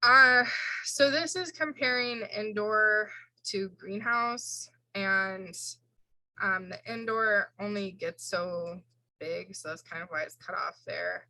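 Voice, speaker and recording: Bright-voiced woman lecturing over slides. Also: mid-range voice, slow pace, no room sound, rough recording. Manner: casual, explains tables with fillers and self-corrections. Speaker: instructor.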